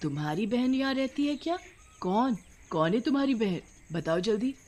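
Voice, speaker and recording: A woman's voice: on the high side, lively intonation, moderate pace, a little mellow, a little hiss or hum, voice pushed up, natural voice. A young woman turned witch in a cartoon tale, full of grief and fire, as a woman plays her. She snaps at strangers and does not back down. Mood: bold. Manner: tearful, then scolding and fiery.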